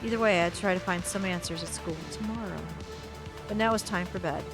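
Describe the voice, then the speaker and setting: A woman's voice: lowish voice, fast talker, music in the background. Woman narrating a story game expressively. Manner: expressive reading with asides and stumbles. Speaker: streamer reading a story game. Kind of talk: reading narration aloud with chat.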